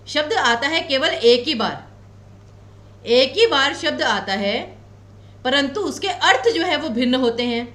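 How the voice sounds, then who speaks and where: A woman teaching an exam coaching class speaks with a Himachali Hindi accent and a high, animated pitch in an echoey room. She explains patiently, slowly repeats key points, and reassures students not to worry.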